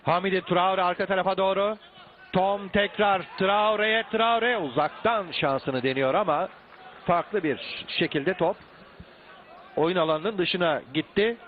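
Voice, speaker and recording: High-pitched male football commentator, tinny line. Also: unhurried. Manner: raises his voice to shouting at attacks. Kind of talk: excited live play-by-play football commentary. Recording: tinny phone-like band, some outdoor background noise.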